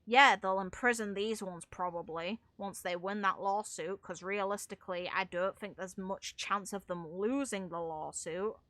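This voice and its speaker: A gaming video creator and streamer offers casual, opinionated game commentary, blunt and informal with some mild swearing. Her mid-range, fairly bright voice moves at normal speed with hardly any pauses, and the recording has no room sound.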